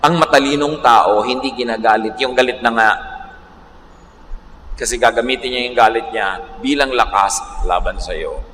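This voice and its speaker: A man pastor preaching a sermon, moving between Tagalog and English and slowing down to read scripture. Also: medium pitch, a bit bright. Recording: echoey hall, faint background noise.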